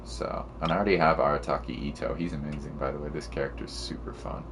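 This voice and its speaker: This man has a bass voice, steady in tone and quick in pace, with background noise behind him. He's a game streamer giving casual chat and gameplay commentary in relaxed slang with some mild swearing.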